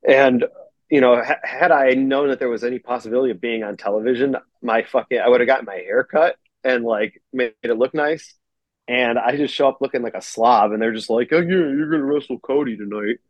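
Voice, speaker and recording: Wrestler dude rambling on a podcast, swears a lot, says like constantly, dry kinda muffled audio. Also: male voice, medium pitch, fairly even intonation, a little fast, no room sound. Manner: rambling and profane, heavy on filler "like". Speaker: pro wrestler and company owner, podcast guest. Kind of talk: casual podcast chat. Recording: dry, slightly muffled recording.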